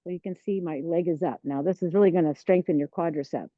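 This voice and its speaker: A woman teaching a tai chi class, giving serene, encouraging, unhurried movement cues. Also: lowish voice. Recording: roomy, dull lo-fi sound.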